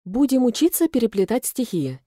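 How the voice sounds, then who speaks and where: A woman's voice: fairly high pitch, very animated, fairly quick, dark tone, no room sound, clean studio sound, pitched above the performer's own voice. A woman voicing a red-haired young witch in an audiobook, offhand and doubtful.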